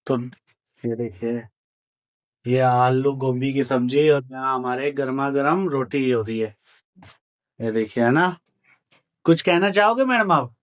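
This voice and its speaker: A man's voice: medium pitch, a little slow, long pauses, dry recording, clean studio sound. A man narrating a casual family vlog as he walks through his home and rooftop, talking straight to the viewers. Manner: chatty tour-guide narration, repeats "ये देखिए" and "मतलब". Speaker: family vlogger.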